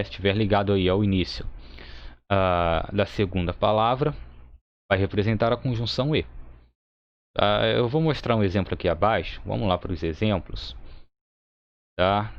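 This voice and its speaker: A man's voice: on the low side, dry recording, highs cut off. A man teaches an online lesson, walking through each point patiently and checking in often. The sound is close and dry, with no room around it. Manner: explains patiently, says "tá?" often, thinks aloud with fillers. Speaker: Hebrew teacher.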